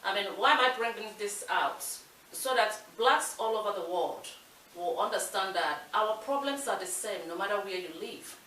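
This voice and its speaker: A Nigerian woman with a Nigerian accent co-hosts a talk show, making her points earnestly and emphatically in a casual discussion. Her medium-pitched voice is animated and sharp at a normal speed. The mic is distant in an echoey room with light hiss.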